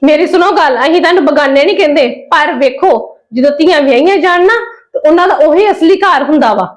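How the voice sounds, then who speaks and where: A woman's voice: high voice, fast, lightly acted. A woman acting as a fed-up young wife who firmly lectures her sister-in-law, in a family drama. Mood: lecturing. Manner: firm and lecturing.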